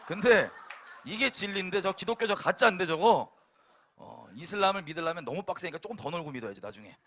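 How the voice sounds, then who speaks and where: A man preaches by way of personal testimony, in a slightly raised voice that moves widely up and down. He tells the story with lively, emphatic bursts and breaks into laughter along the way. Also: fairly high pitch. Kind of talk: sermon testimony.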